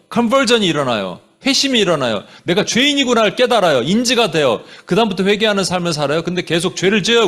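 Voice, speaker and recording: A man preaching a sermon as a pastor, animated, dropping English phrases into his talk. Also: high-pitched. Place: church sanctuary.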